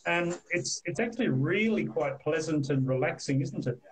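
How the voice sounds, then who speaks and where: A man's voice: on the high side, lively intonation, moderate pace, husky. A man hosting a casual live interview, talking with many hesitations and fillers. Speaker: host. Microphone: live stream.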